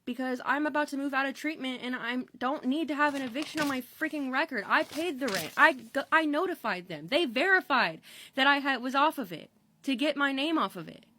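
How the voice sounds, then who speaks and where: Woman, casual vlog, rambling and exasperated, a bit high, dry close mic. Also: brisk, pushed and bright, dry recording.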